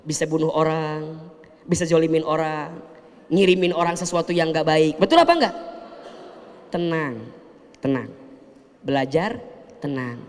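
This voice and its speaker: A man preaching a sermon, animated and playful, acting out little scenes in comic voices. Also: on the high side, a little slow, long pauses, in a large hall. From Indonesia.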